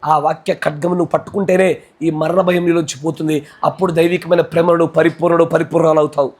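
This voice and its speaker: A male pastor with a Telugu accent, preaching a fervent sermon that swings between shouting and low, intense speech. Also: level tone, fast.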